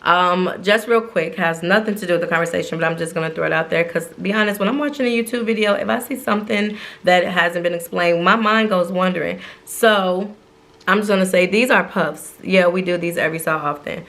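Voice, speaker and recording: A woman's voice: on the low side, fairly quick, creaky, a bit bright. A woman co-hosting a couple's channel, chatting casually and playfully, often laughing. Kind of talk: casual chat.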